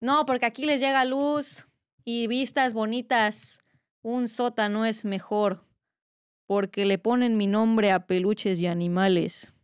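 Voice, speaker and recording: A woman's voice: a little high, steady tone, unhurried, smooth, no echo, studio quality. Playful young woman streamer. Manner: playful, teasing, reads chat aloud. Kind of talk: casual livestream chat while gaming.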